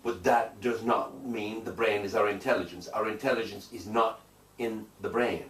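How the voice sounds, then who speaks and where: A hypnotherapist man with a fairly low voice explains his views in an interview, firm and emphatic and given to repetition. He sits away from the mic in an echoey room with a faint hiss behind him. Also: steady tone, moderate pace, a bit bright, recorded from a distance. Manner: emphatic, declarative, repeats phrases for weight. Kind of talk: interview answers.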